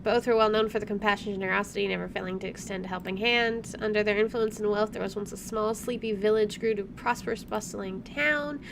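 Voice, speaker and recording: A woman hosts a casual game playthrough at home, chatty and playful, making wry asides as she comments and reads aloud. Her medium-pitched voice stays steady and quick with hardly any pauses, while an air conditioner hums clearly in the background.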